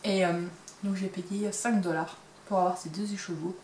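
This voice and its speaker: Her fairly low, darkish voice stays fairly even at a moderate pace as this crochet and knitting podcaster displays items she bought, speaking casually from her home workshop with plenty of fillers and hesitation. Slight background noise and faint ambience come through a roomy, distant mic.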